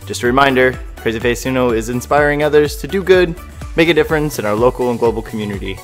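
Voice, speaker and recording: A man's voice: mid-range voice, quick pace, soft background music. A man hosting a casual podcast interview, upbeat and enthusiastic, with frequent fillers. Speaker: podcast host.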